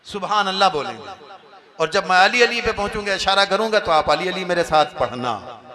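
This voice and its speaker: A man's voice: high-pitched, expressive, brisk, sharp tone. A man preaching and chanting devotional poetry at a religious gathering, coaxing the crowd to chant along and joking with them between verses. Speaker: Islamic preacher reciting poetry.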